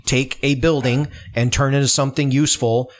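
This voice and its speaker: Interviewed as a political candidate in a casual podcast conversation, a man talks earnestly and ramblingly with many false starts, sitting in a home room with an open window. His mid-range voice is steady in tone and fairly quick.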